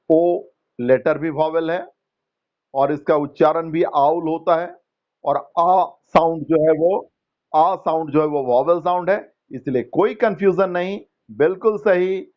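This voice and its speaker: Slow, patient male teacher quizzing students. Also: on the high side, dull audio. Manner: patient, questioning, explains step by step and quizzes students by name; mixes Hindi with English terms. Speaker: English teacher. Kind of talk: online class teaching grammar to students.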